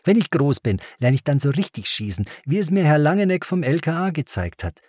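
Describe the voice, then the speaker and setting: An eager twelve-year-old boy who pleads and insists, as a man reading the story puts him on. The voice sits well above the reader's own and stays breathy. Close, dry audiobook sound. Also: sits high, sing-song, moderate pace, warm tone, no echo, pitched above the performer's own voice. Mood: eager pleading.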